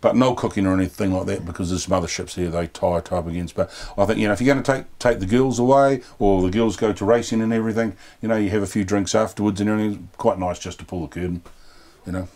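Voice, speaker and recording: A New Zealand man in his sixties speaks in a very low voice, plain-spoken and full of fillers. He is a boatbuilder being interviewed in a small yacht cabin on a lapel mic. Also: fairly even intonation, fast talker, darkish tone. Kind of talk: casual interview.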